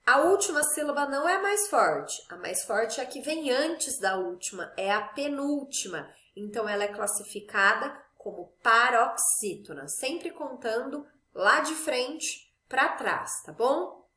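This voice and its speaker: A woman with a fairly high voice talks young pupils through a grammar lesson, slowly stretching the stressed syllables of her example words. The sound is echoey, as if she is in a bare room. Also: sing-song, bright, forceful tone. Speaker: teacher. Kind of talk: recorded Portuguese class for children.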